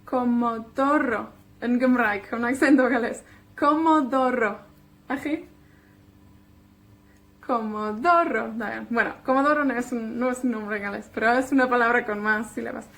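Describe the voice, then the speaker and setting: A woman from Wales whose first language is Welsh, teaching a patient beginner language lesson and repeating words slowly with frequent check-ins. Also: a little high, fairly even intonation, fairly bright tone.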